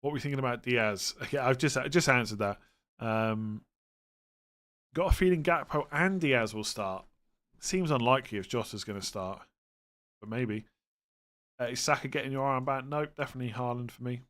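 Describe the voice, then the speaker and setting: West country english guy chatting on a stream, mid pitched voice, informal and matter of fact, answering questions. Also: moderate pace, fairly bright tone. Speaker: fantasy football livestream host. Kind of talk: casual livestream chat answering viewer questions.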